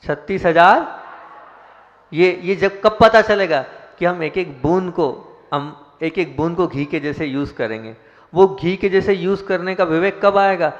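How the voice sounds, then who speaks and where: A man's voice: sits high, measured pace. Man preaching a sermon in a reverberant hall. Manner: rising emphatic questions to the listeners. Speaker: Jain monk preacher. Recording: dull sound with long hall reverb.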